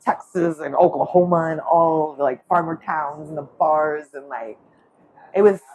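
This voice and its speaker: Young woman, animated storyteller, casual podcast chat, faint background noise. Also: sits low, normal speed, rough recording. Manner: animated, acts out quoted voices. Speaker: guest.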